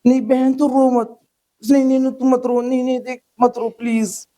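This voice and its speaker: A man's voice: very high voice, flat delivery, normal speed, warm tone, voice pushed up, poor audio. A male comedian putting on the voice of a gossiping woman who fusses dramatically over faded clothes. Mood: melodramatic.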